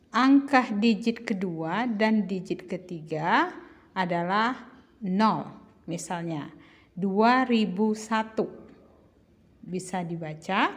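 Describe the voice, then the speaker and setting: A woman tutors children in a measured, unhurried voice. She speaks slowly at a middling pitch. She keeps asking her class questions and then answers them gently herself. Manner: patient, addresses pupils as children, asks and answers own questions. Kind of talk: slow classroom explanation.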